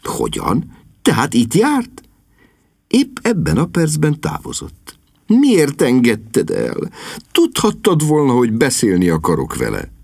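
A man's voice: medium pitch, wildly swooping pitch, gravelly, a little mellow, breathy edge, dry recording, clean studio sound, voice pushed up, full character voice. A man reading an audiobook voices a haughty aristocratic lady, agitated and commanding. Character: haughty aristocratic lady, middle-aged, imperious.

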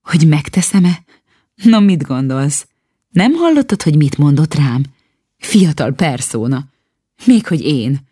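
A woman voicing a stern, proud nanny who speaks in a brisk, curt and haughty way. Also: deep voice, sing-song, warm tone, slightly rough, no echo, clean studio sound, full character voice. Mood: scornful.

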